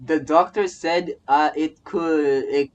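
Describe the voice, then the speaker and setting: A young adult virtual YouTuber streamer gives relaxed, wandering gaming commentary in a mid-range voice with a steady tone and slow pace, frequently repeating phrases. The audio is dull, and the voice rests over soft game music.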